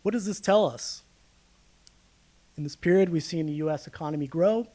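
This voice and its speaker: Speaking at a moderate pace with a fairly high pitch and dark tone, a guest researcher delivers a public lecture live to a room. His explanation of the data stays informal and chatty, and he pauses to check on his listeners.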